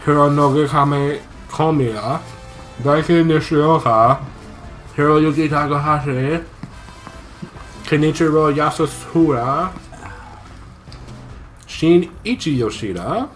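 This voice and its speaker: A man's voice: on the high side, slow pace, pauses often, fairly bright tone, soft background music. Joking man reading game credits. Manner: joking, reads credit names aloud with asides and laughs. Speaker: let's play co-host. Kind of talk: casual gaming commentary.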